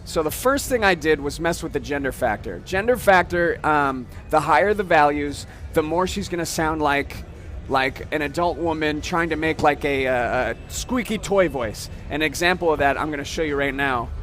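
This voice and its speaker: Casual man demoing software. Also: on the high side, animated, moderate pace. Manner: casual, explains step by step, frequent "okay?". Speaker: software demonstrator. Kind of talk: casual product demo. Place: trade show floor.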